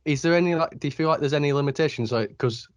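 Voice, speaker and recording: A man from the north of England with a northern English accent, hosting a podcast and telling animated stories with frequent laughs. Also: on the high side, quick pace, no room sound. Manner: animated storyteller, laughs often. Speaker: podcast host. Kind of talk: casual chat. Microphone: video call.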